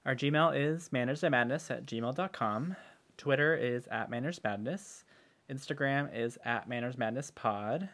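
A woman's voice: extremely low pitch, measured pace, a bit bright. A woman co-hosting a podcast, reading out the show's contact details plainly. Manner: brief agreeing replies, reads contact details plainly. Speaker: podcast co-host. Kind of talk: casual chat.

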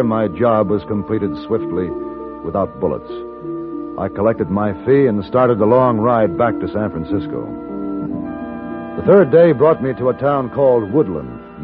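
An actor playing a calm, steady gunfighter who narrates in a measured, deliberate way, in a 1950s radio drama. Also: male voice, on the low side, natural voice. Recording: tinny old radio broadcast with music.

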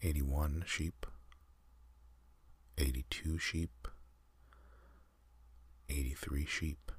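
Very deep, breathy whispering man. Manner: soft, half-whispered, slow counting. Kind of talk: ASMR sleep story.

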